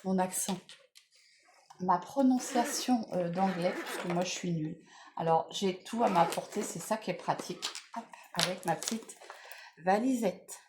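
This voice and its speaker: Over a noisy background, a middle-aged woman speaks in a lowish voice at a measured pace. It's a casual morning makeup vlog shot at home: she's tired, chatty and rambling, trails off often and recovers, leaning heavily on "voilà" and "bon, bref".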